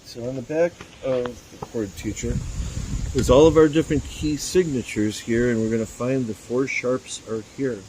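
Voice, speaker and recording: A man with a mellow, warm-toned voice walks through a demonstration of his own invention. He talks in a folksy, rambling way, stumbling over fillers and restarts, with a faint hiss of noise behind him. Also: medium pitch, fairly even intonation, normal speed, rough recording. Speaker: inventor demonstrating his music teaching tool. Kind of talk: explanatory demo in an interview.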